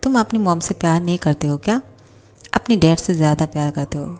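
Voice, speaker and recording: A doting, caring parent coaxing her son to eat, voiced by a woman reading a storybook. Gentle reproach in a low, warm, mellow voice. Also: animated, fairly quick, faint music behind. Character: caring, doting parent figure called mom.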